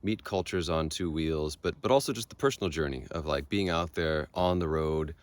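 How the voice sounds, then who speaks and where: An American man speaking as a guest on an outdoor bike trip video, talking in a thoughtful, wry, soft-spoken way. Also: rumbling low, moderate pace, no room sound. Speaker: guest and local guide on the ride. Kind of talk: casual outdoor chat. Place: outdoors by a lake.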